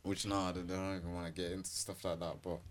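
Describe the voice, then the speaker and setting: Low-voiced young London roadman. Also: little pitch movement, quick pace. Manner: slangy London roadman talk. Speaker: podcast co-host. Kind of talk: casual podcast chat.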